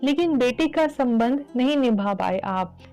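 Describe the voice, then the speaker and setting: A woman voicing a divine young girl who softly reproaches her adoptive father in a devotional story. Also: sits high, lively intonation, measured pace, faint music behind, rough recording. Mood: sad, reproachful. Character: divine young girl goddess, gently sorrowful.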